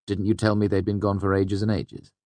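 A man reading an audiobook, voicing a quick, mischievous young male companion who speaks urgently. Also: fairly low pitch, completely flat delivery, dark tone, dry recording, voice pushed up, natural voice. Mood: matter-of-fact. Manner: quick, urgent, hissing when secretive.

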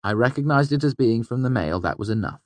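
A man reading an audiobook, voicing a quick, mischievous young male companion who speaks urgently. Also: mid-range voice, animated, darkish tone, no room sound, pitched above the performer's own voice, natural voice. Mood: matter-of-fact. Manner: quick, urgent, hissing when secretive.

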